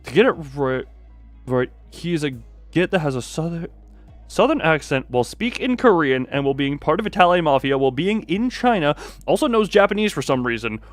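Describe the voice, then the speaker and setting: Reading a story game aloud on a livestream, a man hams it up dramatically, adding incredulous, animated remarks and the occasional curse. His voice sits a little high and moves fairly quickly, recorded with no room sound over faint background music.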